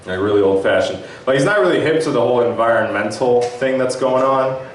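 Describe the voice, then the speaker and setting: A young man doing a stand-up set with a laid-back, halting delivery full of fillers. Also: medium pitch, a little hiss or hum. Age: young adult. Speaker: stand-up comic. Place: club stage. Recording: echoey room from far off.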